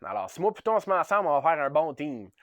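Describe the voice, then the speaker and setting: A man's voice: a little high, sing-song, very fast, fairly bright tone, no echo, studio quality. A man from Ontario with a Franco-Ontarian French accent, hosting a casual, upbeat vlog and mixing English words into his French. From Ontario, Canada. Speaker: channel host.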